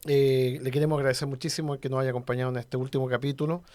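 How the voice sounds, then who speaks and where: A man hosting a radio interview, brisk and affirming. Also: medium pitch, level tone, darkish tone, no echo. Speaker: radio host.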